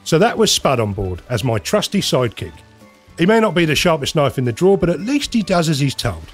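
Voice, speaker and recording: Cheeky Cockney schemer played by a male actor, fairly high, husky, gift of the gab, audio drama lead. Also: very animated, a little fast, soft background music. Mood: persuasive. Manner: slangy, wheeling and dealing patter. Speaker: narrator and lead character. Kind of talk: first-person audio drama narration and dialogue.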